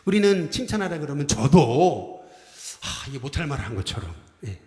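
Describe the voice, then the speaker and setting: Long reverb rings through the echoey church hall as a middle-aged senior pastor preaches his Sunday sermon in a mid-range voice at a moderate pace. He leads call-and-response greetings in the sanctuary and stays lively, acting out quoted phrases.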